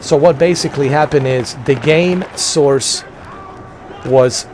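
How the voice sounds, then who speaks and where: A man's voice: medium pitch, takes it slowly, a little mellow. A man hosting a gaming video, casually explaining technical details and circling back over his points. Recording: faint game noise behind the voice.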